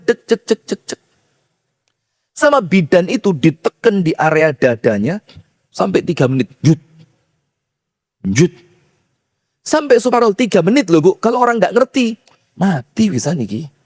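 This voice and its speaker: A man preaching a sermon, telling stories with lively rhetorical questions to his audience and chanting verses slowly. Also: high-pitched. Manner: slow chanted Quran recitation. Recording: long hall reverb.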